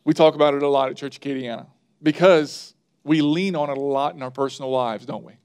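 A man's voice: mid-range voice, fairly even intonation, fast, darkish tone, clean tone. A man preaching a sermon as pastor, earnest and conversational, building emphasis as he makes his points.

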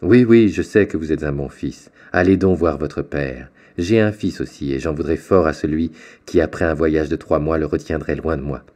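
A man's voice: very deep voice, normal speed, a little mellow. A man voicing a jovial, fatherly middle-aged shipowner in an audiobook, hearty and kindly. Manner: hearty, paternal.

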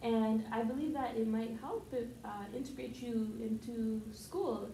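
A woman's voice: a little high, fairly even intonation, a little slow, gravelly, mellow. A woman playing a patient, hesitant counselor. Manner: polite, hesitant, many ums and okays. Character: calm, patient family counselor. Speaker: counselor in a skit. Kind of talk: student skit role-play. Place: classroom with a table. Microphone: far camera. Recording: echoey room, background noise.

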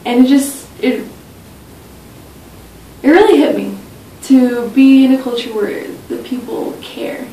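A young adult woman, once a study abroad student, reminisces unhurriedly in a casual interview, pausing often, her tone warm. She's indoors in a small office meeting room. Because the mic is distant, the sound is roomy, and a faint low rumble sits beneath it.

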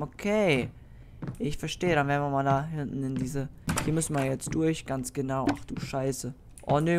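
A horror let's play commentator who talks straight to the viewers in a casual stream of youth slang and swearing. The voice sits at a middle pitch, with a faint noise underneath it. The speaker is jumpy and easily startled, and keeps coming back to chat with the audience. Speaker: gaming YouTuber.

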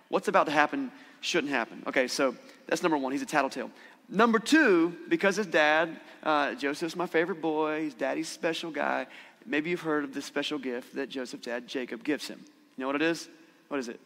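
A male pastor in his thirties delivers a conversational sermon and keeps asking the congregation questions. His voice sits a bit high for a man and sounds bright and forceful. It carries the long reverb of a church hall.

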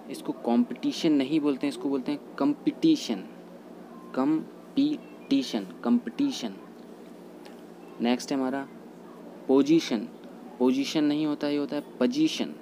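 A man teaching English pronunciation in a lesson, repeating each word slowly and carefully. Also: mid-range voice, dark tone, a little hiss or hum, poor audio. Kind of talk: Hindi-language pronunciation lesson.

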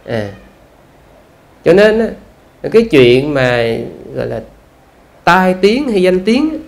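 A man, a Buddhist monk with a Southern Vietnamese accent, giving a conversational dharma talk full of rhetorical questions and drawn-out "à" fillers. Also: a little high, a little mellow.

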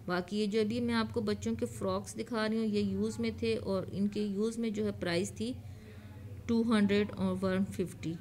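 A woman's voice: mid-range voice, steady tone, normal speed, darkish tone. A woman, narrating a casual shopping vlog from an outdoor market and leaning on the filler "jo hai" again and again. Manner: chatty, leans on the filler "jo hai" a lot. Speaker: vlogger. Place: open-air flea market stalls outdoors.

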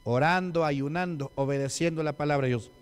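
A man's voice: a little high, a little fast, clean tone. A man, a deacon giving an emphatic sermon and firing rhetorical questions at the congregation. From Peru. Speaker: deacon preaching. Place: church hall. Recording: long church hall reverb.

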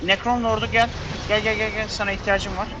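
A man's voice: high-pitched, flat delivery, a little fast, background noise. A man giving casual let's-play commentary, muttering to himself in exasperation and urging his units on. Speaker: gameplay commentator.

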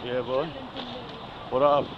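A man's voice: mid-range voice, little pitch movement, slow. A middle-aged man from Somalia with a Somali accent, chatting on a city street in loose, broken English with short repeated phrases. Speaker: passerby interviewed on the street. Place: busy city street outdoors. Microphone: handheld camera at close range. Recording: dull street recording with loud traffic.

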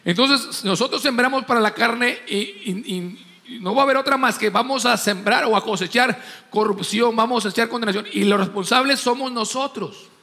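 High, gravelly-voiced pastor preaching in a hall. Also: male voice, moderate pace, sharp tone. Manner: emphatic preaching, acts out voices in anecdotes. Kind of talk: sermon. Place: church hall. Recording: long church hall reverb.

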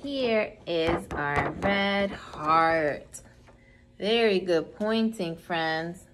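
A woman who is a preschool teacher, reading a picture book to young children in a gentle storytime voice. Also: lowish voice, slight background noise, poor audio. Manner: gentle, slow, sing-song storytime delivery.

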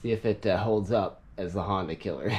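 A man's voice: lowish voice, normal speed, a little mellow, slightly rough, low-quality recording. A man in his thirties vlogging casually outdoors on a snowy homestead, explaining his gear as he works, recorded on a handheld action camera. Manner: easygoing, explains gear while working, chuckles often. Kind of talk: casual vlog talk to camera. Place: outdoors in snow on a rural homestead. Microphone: action camera held or strapped on.

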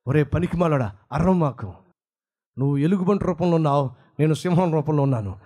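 A man voicing a gruff jobless man in a lion costume who scolds in a low, hushed way. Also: a little fast, lightly acted. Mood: scolding.

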